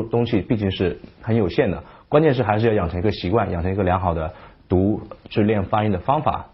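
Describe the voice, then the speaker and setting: A man who speaks natively, teaching English pronunciation in a casual spoken lesson, explaining and slowly repeating example words. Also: lowish voice, husky. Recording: dull lo-fi audio.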